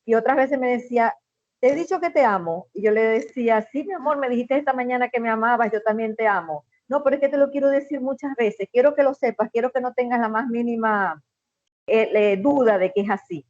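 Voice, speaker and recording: A woman telling a personal story in a casual conversation, with many restarts and pauses, over a video call. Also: fairly high pitch, a little mellow, dry recording, lo-fi sound. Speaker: guest. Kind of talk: casual chat.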